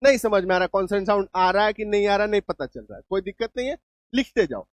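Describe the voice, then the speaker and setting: A man teaching English spelling in a relaxed spoken lesson, often checking that students follow and reassuring them. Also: high voice, fast talker, dry recording. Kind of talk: spoken Hindi lesson with students addressed directly.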